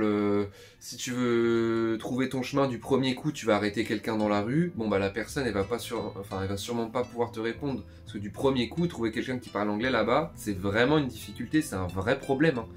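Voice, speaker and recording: A man's voice: medium pitch, brisk, faint music behind. Chatty young man teaching casually. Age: 20s. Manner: chatty, many fillers, addresses viewers directly. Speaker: language teacher. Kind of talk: casual spoken lesson.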